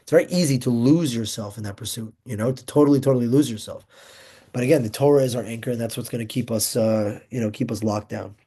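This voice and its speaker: Young male Torah teacher: excitable, emphatic delivery, mellow, darker tone. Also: mid-range voice, fast talker, husky. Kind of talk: informal Torah class.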